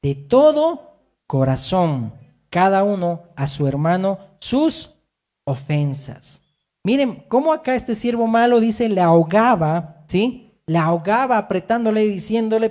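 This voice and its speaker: A man's voice: high-pitched, a little mellow. A man preaching a sermon as pastor, emphatic, rising and falling, with frequent amens.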